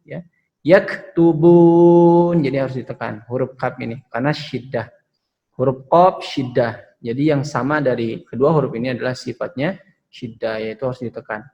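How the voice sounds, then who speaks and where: With a steady, mid-range voice that runs a little fast and shows some vocal fry, a male teacher leads an online Quran pronunciation lesson. He demonstrates sounds patiently, explains how letters are pronounced, and tags his phrases with "ya", all in lo-fi sound.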